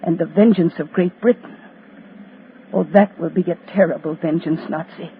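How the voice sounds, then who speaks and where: A woman's voice: lowish voice, fairly even intonation, normal speed, phone-quality sound, lightly acted. A woman playing a defiant condemned prisoner who cannot die, delivering a solemn, taunting, incantatory speech of vengeance in a 1940s radio drama. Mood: solemn, menacing. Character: defiant condemned woman, unkillable avenging accuser of Nazis. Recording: thin, scratchy 1940s radio broadcast.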